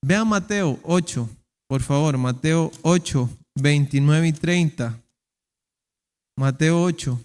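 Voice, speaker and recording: A man's voice: on the high side, takes it slowly, darkish tone, clear, resonant tone. A male pastor delivering an emphatic sermon, acting out quoted voices. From Costa Rica. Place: church sanctuary. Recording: long church reverb.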